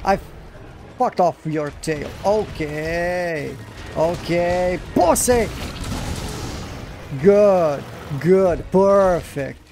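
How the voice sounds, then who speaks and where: A man with a high voice gives live commentary on his own game, very slowly and with long pauses, music playing in the background. Swearing is constant, outbursts are excitable, and he keeps talking to the monster he fights.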